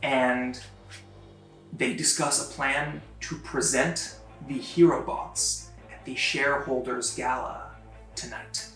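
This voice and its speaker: Bright-voiced male game master. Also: medium pitch, slow. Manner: lively, laughs often, builds suspense. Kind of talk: narrating a tabletop game. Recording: roomy, distant mic, faint music.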